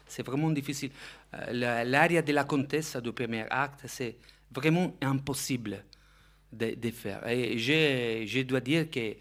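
An Italian conductor giving a live radio interview in French with a clear foreign accent. He is a native Italian speaker who halts, hunts for the right word and drops in Italian terms, in a mid-pitched male voice. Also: fairly bright tone. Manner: halting French, searching for words and slipping into Italian. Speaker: orchestra conductor, interview guest.

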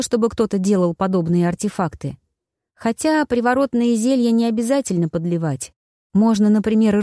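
A woman's voice: mid-range voice, mellow, dry recording, studio quality. A woman narrating a fantasy novel in the first person, musing and questioning. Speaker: audiobook narrator.

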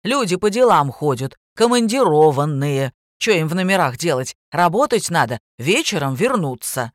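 A woman voicing a coarse, rude middle-aged female hotel clerk who scolds loudly in blunt slang. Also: sing-song, moderate pace, dry recording, clean studio sound. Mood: scolding. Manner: shrill, scolding, coarse colloquial speech.

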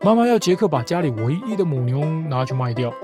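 Teasing and playful in a mock-reasonable way, a podcast host retells fairy tales while guitar music plays. His slightly high voice is sing-song and fairly quick.

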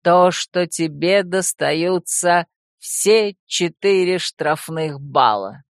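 A woman's voice: fairly low pitch, slow, a bit bright, no echo, clean studio sound. A woman voicing a predatory young male werewolf bully in an audiobook, drawling his words in a mocking, gloating way. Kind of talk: audiobook character voice.

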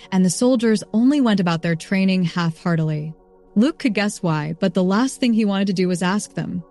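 Woman, audiobook narrator, even measured reading, mid-pitched voice, faint music underneath.

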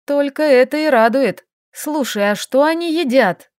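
A woman voicing a stubborn, feisty young heroine who bickers and exclaims in quick, sharp lines, read from an audiobook. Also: high voice, lively intonation, dry recording, studio quality, pitched above the performer's own voice.

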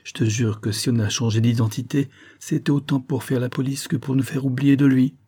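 A man reading as a frightened Italian man, hushed. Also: mid-range voice, little pitch movement, a little fast, husky, close to an everyday voice. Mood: pleading. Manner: hushed, near-inaudible murmur. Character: frightened middle-aged Italian man confessing.

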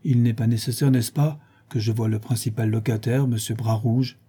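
A man voicing a reserved gentleman tenant who speaks politely and evenly. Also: medium pitch, steady tone, husky, natural voice. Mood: courteous. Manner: polite and measured.

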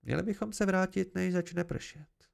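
A man's voice: high voice, vocal fry, voice pushed up. A man voicing a teasing, guarded young woman in an amateur audiobook, in a lighter, raised voice with dramatic sighs. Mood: quiet.

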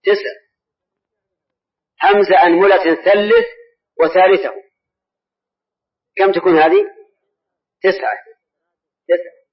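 A high-pitched man teaches a mosque lesson, drawing words out slowly and repeating them to his students. The old recording sounds dull and lo-fi. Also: fairly even intonation. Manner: slow, deliberate, repeats words and quizzes listeners. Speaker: Islamic scholar answering questions. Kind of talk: mosque lesson, explaining grammar. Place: large mosque.

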